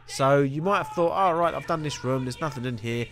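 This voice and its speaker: Brisk and on the high side, a bit bright in tone, this young man hosts gaming videos and gives a rambling, joking gameplay walkthrough full of self-deprecating remarks. Faint music plays behind him.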